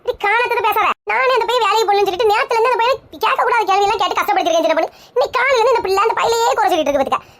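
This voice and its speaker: A woman's voice: very fast, a bit bright. A woman with a Kanyakumari Tamil accent playing a touchy, bald, middle-aged village woman who nags and bickers. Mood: bickering. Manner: shrill, nagging, bickering.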